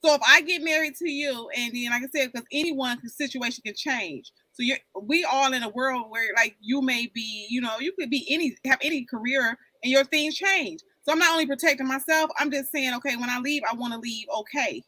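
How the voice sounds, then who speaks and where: A woman's voice: sits high, a little fast, few pauses, sharp tone, no room sound, low-quality recording. A woman in her forties talking candidly in a casual group chat, rambling and often repeating herself. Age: 40s. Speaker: panel guest.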